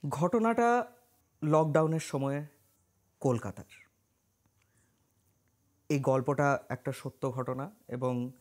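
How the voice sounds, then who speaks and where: A man from West Bengal, India, working as a paranormal investigator and astrologer, telling a true ghost story in a measured, dramatic monologue that mixes in English words. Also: mid-range voice.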